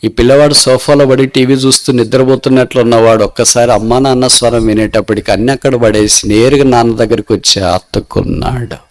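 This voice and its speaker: A man's voice: medium pitch, brisk, hardly any pauses. Telugu man preaching through a story. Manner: animated storytelling, voicing the lost child and the kind man. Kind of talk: storytelling sermon.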